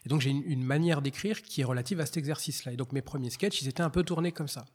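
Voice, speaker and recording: A man's voice: medium pitch, fast, slightly rough. A man who also does comedy, interviewing a fellow comedian in a casual chat and asking thoughtful, probing questions.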